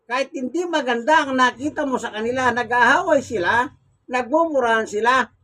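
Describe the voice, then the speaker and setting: A man's voice: extremely high pitch, a bit bright, low-quality recording. A man preaching a Gospel sermon in a folksy manner, acting out everyday dialogue as he goes.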